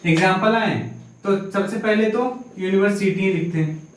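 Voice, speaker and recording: A man's voice: high-pitched, normal speed, slight background noise. A male English teacher. He explains grammar in a lecture, calls his students "sir" and chants the vowels. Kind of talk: classroom lecture. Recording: very echoey room, far from mic.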